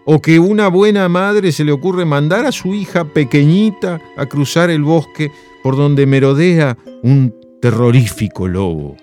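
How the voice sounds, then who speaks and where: A man hosting a radio show, telling a story with lively rhetorical questions. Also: fairly high pitch, measured pace, hardly any pauses, faint music behind. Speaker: radio host. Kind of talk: radio chat and story reading.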